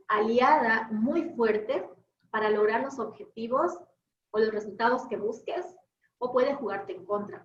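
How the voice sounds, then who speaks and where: Fast-talking trainer woman. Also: a little high. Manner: fast-talking, lively, rhetorical questions. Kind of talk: online class lecture. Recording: echoey, dull video-call audio with faint noise.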